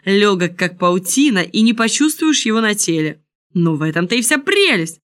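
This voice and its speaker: A woman voicing sly swindler weavers in a storybook, talking in a flattering, wheedling way. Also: mid-range voice, moderate pace, natural voice. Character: two sly fawning swindler weavers, men.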